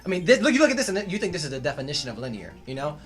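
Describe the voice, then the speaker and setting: A man co-hosting a casual video game chat, excitable and stammering, full of jokes. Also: on the high side, racing, a crowd in the background. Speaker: co-host of a gaming channel.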